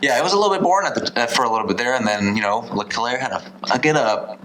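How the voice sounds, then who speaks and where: A man co-hosting a casual podcast, talking in a relaxed way and checking his own details as he goes. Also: medium pitch, very fast, background noise. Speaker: podcast co-host. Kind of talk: casual chat.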